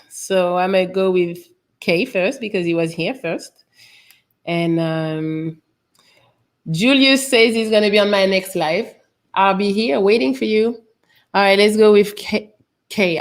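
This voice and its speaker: A woman's voice: medium pitch, a little slow. Woman, from Paris, live-stream host, curious and chatty, casual call-in talk. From Paris, France. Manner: friendly, curious, asks lots of questions.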